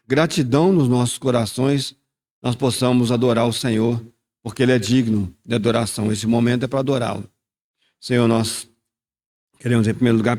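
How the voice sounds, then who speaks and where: A man's voice: medium pitch, a little mellow. A man giving a short communion sermon, then praying aloud and repeating "Lord" often, in a reflective tone. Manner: reflective, repeats "Senhor" in prayer. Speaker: church leader at communion. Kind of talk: sermon and spoken prayer.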